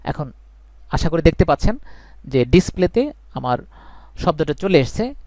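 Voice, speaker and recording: Earnest teacher, higher voice. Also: male voice, sing-song, normal speed, warm tone, dry recording. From Bangladesh. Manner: earnest, reassuring, repeats points for emphasis. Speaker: English teacher. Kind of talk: live online class.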